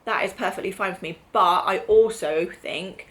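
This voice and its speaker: A woman's voice: mid-range voice, normal speed, a bit bright. A middle-aged woman with an English accent chatting casually as she hosts a family vlog, explaining things and checking in with tag questions. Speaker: mother hosting a family vlog. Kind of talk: casual chat.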